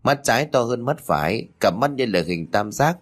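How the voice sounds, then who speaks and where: A man's voice: mid-range voice, animated, normal speed, close to an everyday voice. A man voicing a gossiping older woman neighbor in an audio story, insistent and talkative.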